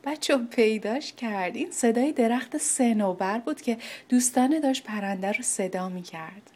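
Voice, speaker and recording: A woman narrating a children's story in a gentle, half-whispered voice and speaking directly to the children. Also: a little high, expressive.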